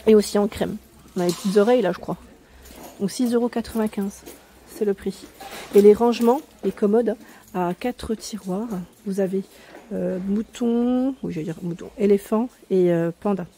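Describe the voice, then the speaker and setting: A chatty woman with a warm, dark, mellow voice, talking casually as she walks the aisles of a large store. She stops often to check labels and read out prices, and faint store noise sits in the background. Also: mid-range voice, moderate pace. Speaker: vlogger touring a discount store. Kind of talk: casual store-walk commentary. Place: inside a large retail store.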